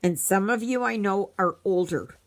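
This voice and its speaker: Speaking at a medium pitch, this sixtyish Canadian woman hosts a home stitching channel. She talks casually as she sews, unhurried and thoughtful, wandering off with lots of fillers and quiet mumbling to herself.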